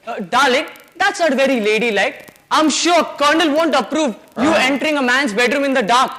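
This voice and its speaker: A man's voice: very high voice, sharp tone, full character voice. A man playing a nervous young sculptor trying to cover up a mess. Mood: flustered. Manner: nervous and hurried. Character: flustered young male sculptor hiding things. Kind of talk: amateur stage comedy acting.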